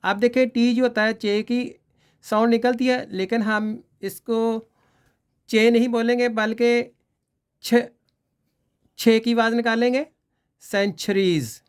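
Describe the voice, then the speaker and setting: A man's voice: very high-pitched, little pitch movement, a little slow, clean tone. A man teaching English pronunciation, patiently repeating vowel sounds for students to copy. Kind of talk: slow spoken pronunciation lesson.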